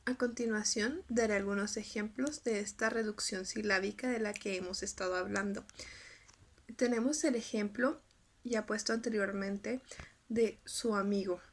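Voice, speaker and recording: A woman whose first language is Spanish, reading a scripted lesson and sounding out syllables slowly. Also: medium pitch, fairly even intonation. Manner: reads carefully, spells out syllables slowly. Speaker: student presenter.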